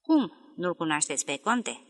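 A woman's voice: on the low side, very animated, dry recording, clean studio sound. A woman reading the lines of a tired male stranger in an audiobook, polite but insistent. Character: weary male stranger, persistent and uneasy.

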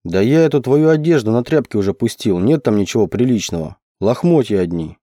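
A man voicing a huge, gruff and domineering forest man who speaks slowly and low in commands. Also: animated, mellow, no room sound, studio quality. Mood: stern. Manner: slow, low, growling commands.

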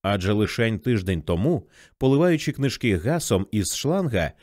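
A man's voice: lowish voice, big pitch swings, normal speed, darkish tone, dry recording, studio quality. A man reading a restless, troubled fireman. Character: restless young male fireman, defiant and searching.

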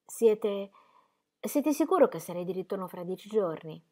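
A woman's voice: medium pitch, expressive, normal speed, dark tone, natural voice. A timid young wife who answers hesitantly, apologizing as she goes, as a woman narrator reads her. Her voice stays close to the reader's own in a plain audiobook reading.

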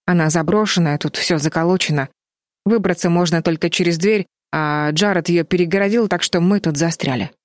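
A woman's voice: fairly low pitch, a little mellow, no echo, studio quality, lightly acted. A woman voicing an anxious, sensible girl who speaks sternly and pleads, in a storybook reading.

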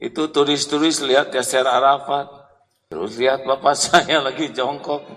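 A man preaching a humorous sermon to an audience, animated and joking. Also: normal speed, long reverb tail, low-quality recording. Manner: animated, joking, jumps into high voices for quotes.

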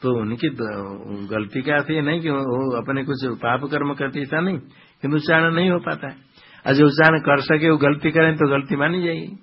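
A husky-voiced man, a swami, walks his listeners through Sanskrit grammar in a Gita discourse. He keeps asking questions and then answering them himself. The sound is dull and lo-fi, like an old lecture tape. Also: medium pitch. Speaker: swami teaching the Bhagavad Gita. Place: ashram hall.

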